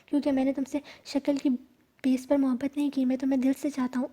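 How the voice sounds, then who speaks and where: Insistent young guy in love, pushy and pleading, read by a woman in a high flat voice. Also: close to an everyday voice. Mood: earnest. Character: young man, pilot in love, demanding.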